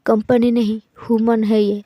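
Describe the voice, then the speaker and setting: A woman's voice: on the high side, flat delivery, unhurried, mellow, dry recording. A woman voicing a guarded young woman who answers with blunt, dry sarcasm. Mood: sarcastic.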